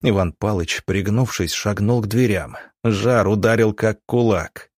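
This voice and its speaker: A male audiobook narrator reads in a low voice, measured and dramatic. The recording is dry and close-miked, with no room echo.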